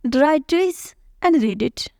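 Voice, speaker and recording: A woman teaching a recitation lesson, speaking slowly and deliberately and repeating each sound for her students to practice. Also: high-pitched, expressive, vocal fry, a little mellow, no room sound. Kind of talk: slow tajweed lesson.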